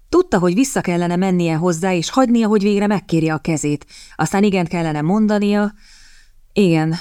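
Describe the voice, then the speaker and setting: A woman narrating an audiobook in a steady, even-paced reading. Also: on the low side, no echo, studio quality. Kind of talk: scripted narration.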